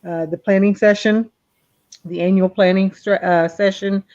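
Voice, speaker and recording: A woman's voice: medium pitch, steady tone, moderate pace, darkish tone, muffled recording. A sleepy woman co-hosting a casual live stream, chatty and prone to repeating herself. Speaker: co-host of a live seller stream.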